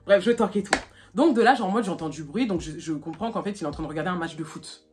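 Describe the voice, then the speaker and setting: Animated young woman telling a story. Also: fairly low pitch, fast talker, over music. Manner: animated, swears often, slangy, laughs nervously. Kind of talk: casual storytime to viewers.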